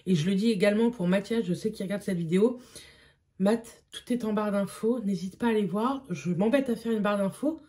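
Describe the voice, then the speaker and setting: A young woman talks through her vlog in a loose, chatty way. She fills pauses with hesitations and repeats words as she goes. Her voice is mellow and relaxed, sitting at a middle pitch. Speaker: beauty vlogger. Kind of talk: casual vlog chat.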